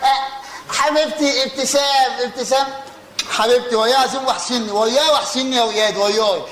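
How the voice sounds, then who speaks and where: A man's voice: very high voice, quick pace, a bit bright, a little hiss or hum. Man playing a gushing young returning son. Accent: Egyptian Arabic. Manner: gushing and over-affectionate. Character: showy young Egyptian son back from Europe. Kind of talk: stage comedy acting. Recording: roomy stage sound.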